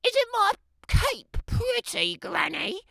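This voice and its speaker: Prissy little storybook girl, squeaky high voice, bright, boastful, self-admiring. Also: huge pitch swings, takes it slowly, no echo, studio quality, full character voice.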